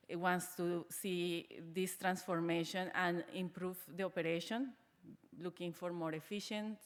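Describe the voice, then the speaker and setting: Hesitant woman in a reverberant hall. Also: on the low side. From Colombia. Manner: hesitant, many fillers and restarts. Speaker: conference speaker. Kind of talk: conference presentation. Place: conference hall. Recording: large hall with long reverb.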